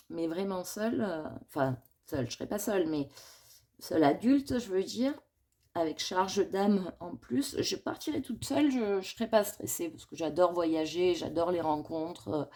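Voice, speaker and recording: A woman's voice: fairly low pitch, warm tone. A woman chatting casually in a coloring vlog, thinking aloud in a rambling, confiding way and admitting her worries. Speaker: coloring vlogger.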